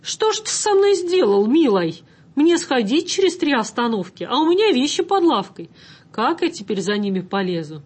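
A woman's voice: fairly high pitch, very animated, normal speed, darkish tone, breathy edge, voice pushed up. A woman voicing a flustered elderly village woman complaining in a story. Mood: plaintive. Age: older. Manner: plaintive, rustic.

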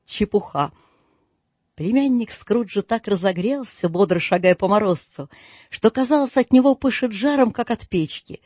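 A man narrating an audiobook in a measured storytelling manner. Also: sits high, a little mellow, dry recording. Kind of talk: audiobook reading. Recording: dry close studio sound.

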